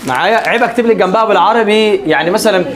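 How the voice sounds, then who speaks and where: A man with an Egyptian Arabic accent gives a classroom lecture in a high-pitched, racing voice. He's lively and jokes with his students, repeatedly checking that they're keeping up.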